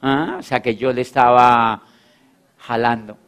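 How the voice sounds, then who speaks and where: A man's voice: medium pitch, steady tone, measured pace, fairly bright tone. A man giving a motivational stage talk to an audience, repeating phrases for emphasis and acting out quoted voices. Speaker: motivational speaker.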